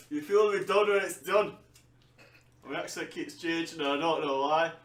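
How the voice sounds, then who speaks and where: A man's voice: a little high, measured pace, far from the mic, natural voice. A man voicing an unhinged perfectionist chef who chain-smokes and rambles. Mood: rambling. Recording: echoey noisy room, off-mic.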